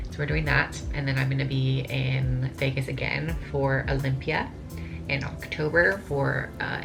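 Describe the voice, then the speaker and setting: Low-voiced chatty woman in her twenties. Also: creaky. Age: 20s. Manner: chatty and rambling, with many "like" fillers. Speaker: vlogger, bikini competitor. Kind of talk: casual chat to camera.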